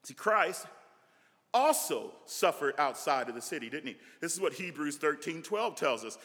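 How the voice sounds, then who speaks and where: Animated male pastor preaching in a hall. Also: fairly high pitch. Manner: animated preaching with many restarts and asides. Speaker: senior pastor. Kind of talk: sermon.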